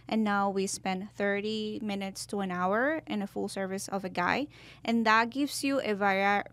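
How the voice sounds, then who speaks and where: A Colombian-born woman in her twenties, a guest barber in a podcast interview, telling her story in a thoughtful, lightly halting way. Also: medium pitch, fairly bright tone, dry recording. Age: 20s. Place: podcast studio.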